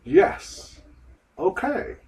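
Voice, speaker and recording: A man slowly and carefully repeating lines for a language lesson. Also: darkish tone, far from the mic, poor audio. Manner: slow, careful, repetitive. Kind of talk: slow repeat-after-me drills.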